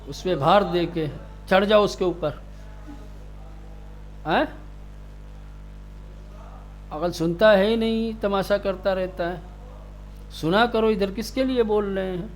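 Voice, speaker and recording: Stern high-voiced male recitation teacher. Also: soft background music. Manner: drawn-out demonstrations of letter sounds; stern, scolds students sharply. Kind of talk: classroom pronunciation lesson. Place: classroom with students.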